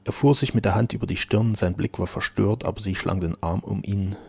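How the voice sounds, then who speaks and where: A man narrating a novel in a measured storytelling manner. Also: sits low, steady tone, vocal fry, darkish tone, husky. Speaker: audiobook narrator. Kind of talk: novel reading.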